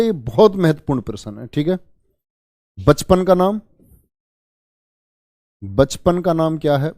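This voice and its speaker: A man's voice: fairly high pitch, darkish tone, dry recording, clean studio sound. A man teaching an online exam-prep history class, repeating key terms and quizzing his students as he goes. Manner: addresses students as children.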